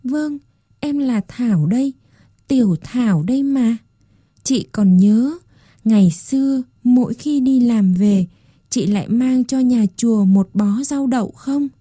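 A woman reading a story aloud and voicing a gentle, devoted Buddhist nun in a soft, pleading tone. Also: on the high side, unhurried, breathy edge, no room sound, clean studio sound. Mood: tender, pleading.

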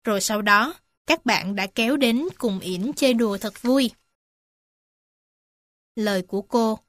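A woman reading animal stories and facts aloud to young children, gentle and addressing them warmly as little ones. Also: a little high, a little slow, dry recording. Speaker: storyteller for children. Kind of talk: children's storybook narration.

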